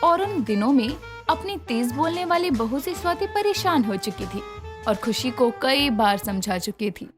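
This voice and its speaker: A woman narrating a cartoon moral story in an expressive storytelling manner. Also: high voice, measured pace, over music.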